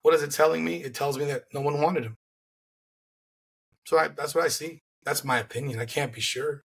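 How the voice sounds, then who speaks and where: A man in his thirties from South Florida with a hoarse, flu-worn voice, giving an opinionated, conversational sports rant as a podcast host. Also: a little high, a little fast. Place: furnished home room, indoors. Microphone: large desk microphone close to the mouth.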